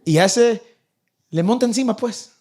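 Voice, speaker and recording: A young man preaching a sermon to his church, animated and acting out the people in his stories. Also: very high-pitched, unhurried. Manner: animated, acts out nagging parents in a raised voice. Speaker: pastor. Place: church in Vancouver.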